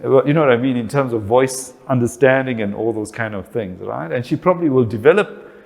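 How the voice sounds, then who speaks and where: A man with a South African accent talks to an audience about family life. His voice is mid-pitched and he keeps posing questions that he then answers himself. The sound carries a long hall reverb. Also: fairly quick, gravelly. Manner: animated, asks himself questions and answers them. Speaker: speaker. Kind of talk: talk on family relationships.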